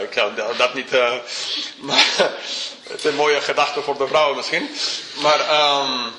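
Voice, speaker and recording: A man preaching an informal sermon, chuckling often and speaking slightly broken grammar. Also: mid-range voice. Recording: roomy hall with faint hum.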